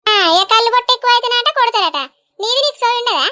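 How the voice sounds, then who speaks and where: Cartoon village busybody, Telangana accent, shrill and bright, scolding; female actor. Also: lively intonation, fast, dry recording, clean studio sound, full character voice. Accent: Telangana Telugu. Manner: scolding, bossy. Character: outspoken village woman, scolding relative. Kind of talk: animated comedy voice acting.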